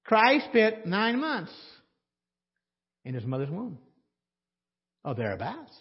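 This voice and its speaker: A male pastor with a high, husky voice swoops wildly in pitch while preaching slowly in a church sanctuary. He talks conversationally, asking the congregation questions with dry sarcasm, all on dull audio soaked in long church reverb.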